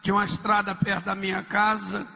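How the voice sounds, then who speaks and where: A man, a pastor, telling his life story in an intense, emphatic sermon-style testimony with dramatic pauses. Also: sits high, monotone, creaky, sharp tone, in a large hall, soft background music, poor audio.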